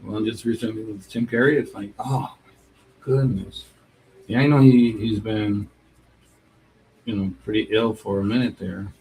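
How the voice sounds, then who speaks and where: A man's voice: lowish voice, fairly even intonation, normal speed, long pauses, a little mellow, a little hiss or hum, rough recording. A middle-aged man hosting a live stream as an artist, chatting in a rambling, casual way and laughing often.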